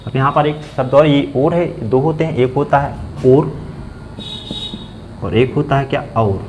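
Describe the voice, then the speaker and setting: A man's voice: mid-range voice, slight background noise, poor audio. A man teaching grammar, asking a question and then answering it himself, repeating the key words, with phrasing. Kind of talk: classroom-style grammar lesson.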